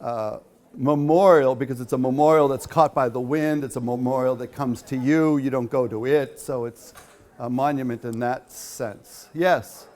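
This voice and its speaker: At a quilt show in a hall, the featured speaker, a man, gives a rambling, chatty talk full of fillers and takes audience questions. His voice is medium-pitched and darkish, with a steady tone and normal speed.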